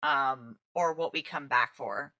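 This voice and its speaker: Podcast co-host, woman, unhurried and hesitant, bright tone. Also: extremely low pitch. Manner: relaxed, hesitant, many ums and restarts. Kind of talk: casual book review chat.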